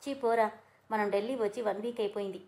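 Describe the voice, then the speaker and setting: A woman reading the part of a tender young wife who speaks softly and wistfully. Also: medium pitch, steady tone, quick pace, close to an everyday voice. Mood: affectionate.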